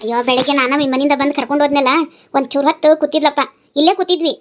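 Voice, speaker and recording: A lady doing a nosy north karnataka auntie, high voice, quick gossipy talk. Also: steady tone, fairly bright tone. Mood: chatty. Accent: North Karnataka Kannada. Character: chatty middle-aged neighbour auntie, gossipy. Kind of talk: cartoon voice acting.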